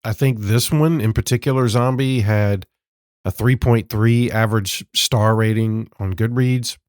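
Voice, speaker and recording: Male podcast host, lowish voice, sarcastic and chatty, a bit rough from a cold, dry close sound. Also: darkish tone, no echo. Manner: sarcastic, self-deprecating, conversational. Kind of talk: casual book-review monologue.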